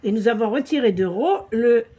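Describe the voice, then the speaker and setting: Patient husky-voiced woman teacher. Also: on the high side, animated, dark tone. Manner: slow, repeats words and gives translations. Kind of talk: patient reading lesson for a child.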